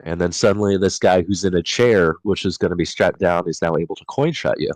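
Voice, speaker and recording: A man's voice: sits low, fairly quick, darkish tone, dry recording, low-quality recording. A man hosting a casual book discussion, reading chapter summaries from his notes and often stumbling and correcting himself.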